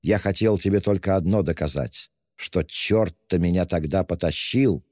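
A man's voice: low voice, normal speed, darkish tone, no echo, studio quality, long reverb tail. A man reading an audiobook, voicing a tormented, brooding young man with intense delivery. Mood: desperate. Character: tormented young male murderer, feverish and brooding.

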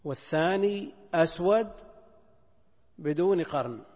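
A man's voice: a little high, expressive, a little mellow. Older man teaching in a reverberant hall. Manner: deliberate, repeats phrases and weighs options aloud. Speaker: Islamic scholar teaching hadith. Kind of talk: recorded lecture explaining a hadith text. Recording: lecture hall with long reverb.

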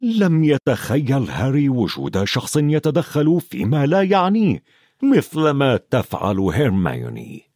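A man narrating an audiobook dramatically, dropping to a hush for suspense. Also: mid-range voice, huge pitch swings, normal speed, no echo, clean studio sound. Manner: dramatic, swings from loud to hushed.

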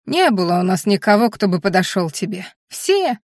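A woman voicing a lively, nosy old grandmother who exclaims and teases in an audiobook. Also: medium pitch, moderate pace, dry recording, studio quality, lightly acted. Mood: excited. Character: lively meddling old grandmother, loud and excitable.

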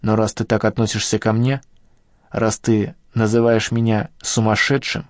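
A man reading an audiobook and voicing an obsessive male kidnapper with a high, sharp voice and pathetic, self-righteous outbursts. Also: level tone, moderate pace, no room sound, studio quality, natural voice. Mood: strained, quieter. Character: obsessive unhinged male kidnapper, shrill and hysterical.

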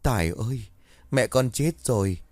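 A man's voice: mid-range voice, animated, normal speed, darkish tone, no room sound, close to an everyday voice. A man voicing a grieving, frantic old village woman who wails and pleads urgently. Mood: wailing.

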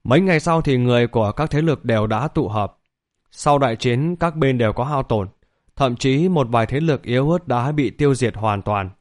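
A man's voice: mid-range voice, moderate pace. Man narrating a fantasy audiobook. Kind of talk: scripted story narration.

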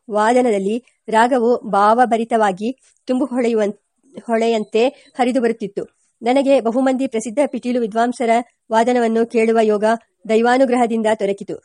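A woman narrating a memoir for an audiobook in a fairly high, mellow voice. She reads steadily and now and then corrects a slip. The sound is close and dry. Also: no room sound. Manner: steady reading with occasional slips and self-corrections. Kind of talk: reading a memoir aloud.

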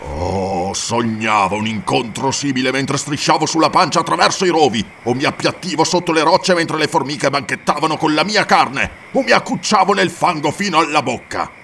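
A man's voice: fairly high pitch, animated, normal speed, vocal fry, few pauses, pushed and bright, far from the mic, a little hiss or hum, exaggerated voice. A man voicing a furious, vengeful barbarian warrior who snarls and rages in an audiobook. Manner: snarling, raging, frenzied.

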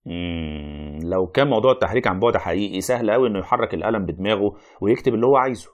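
A man's voice: on the low side, rapid-fire, lightly acted. An actor playing a wry, reluctant, learned Egyptian man who argues, explains and narrates in a radio play.

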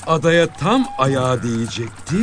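A man reading a short story aloud in an expressive, dramatic storytelling manner. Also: medium pitch, a little slow, music in the background. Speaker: narrator.

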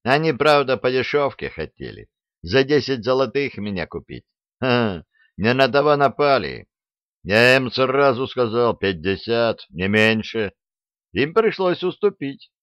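A man's voice: mid-range voice, very animated, unhurried, dry recording, lo-fi sound, pitched above the performer's own voice. Sly double agent Butler, read by a man. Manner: sly, boastful storytelling. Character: cunning sly male double agent sergeant.

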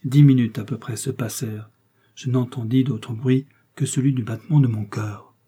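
A man's voice: mid-range voice, fairly even intonation, moderate pace, warm tone, husky. Milady, a man voicing a defiant noblewoman. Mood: tense. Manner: impassioned, dramatic. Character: defiant vengeful young noblewoman. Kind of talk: audiobook reading.

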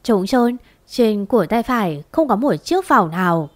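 A woman narrating a dramatic family story in a steady, expressive reading. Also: mid-range voice, a little slow, no room sound.

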